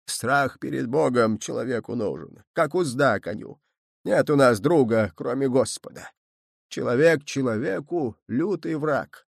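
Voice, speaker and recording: A man voicing a stern, sarcastic old grandfather who scolds in a shrill, raised voice, in an audiobook reading. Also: expressive, measured pace, vocal fry, dry recording, clean studio sound. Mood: lecturing.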